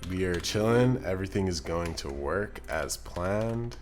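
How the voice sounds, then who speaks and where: With soft music playing behind him, a young man from Scotland talks in a deep voice at a measured pace while editing on his computer during a live stream. Relaxed, he mutters to himself and reads the chat out loud, using a desk microphone in his home streaming room.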